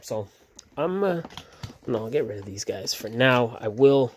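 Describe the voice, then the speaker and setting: A sleepy man casually reviewing action figures, relaxed and rambling with fillers and restarts. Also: medium pitch, a little slow, slight background noise. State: sleepy, yawning.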